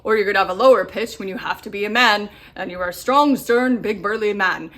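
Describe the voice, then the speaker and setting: With a medium-pitched, fairly bright voice that runs a little fast, this woman in her thirties talks casually to camera. She's a homeschool vlogger sharing cheerful, chatty advice and laughing frequently.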